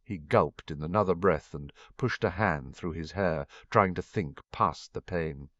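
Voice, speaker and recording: A man's voice: deep voice, unhurried, no echo, muffled recording. A man narrating a fan fiction audiobook, reading expressively. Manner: expressive reading with varied voices.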